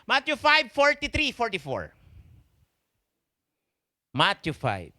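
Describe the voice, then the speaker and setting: A Filipino man preaching a sermon in a mix of Tagalog and English, often asking his listeners questions. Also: wildly swooping pitch. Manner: mixes Tagalog and English, asks the congregation questions; slow, emphatic delivery with sharp swings in pitch and volume.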